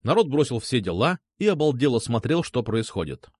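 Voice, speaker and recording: A man narrating a first-person story in a wry, lively way. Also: medium pitch, brisk. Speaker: audiobook narrator.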